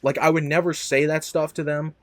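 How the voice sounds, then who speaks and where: A young man hosting a casual podcast chat, rambling and self-deprecating with sudden loud exclamations. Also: fairly high pitch, flat delivery, a little fast, no echo. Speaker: podcast host.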